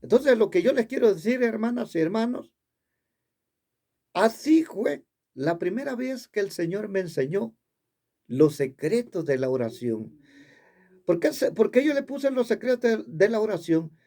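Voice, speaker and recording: A man's voice: high voice, very animated, unhurried, dark tone. A man preaching a sermon, telling a personal story in an earnest way and repeating his phrases. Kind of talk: sermon testimony.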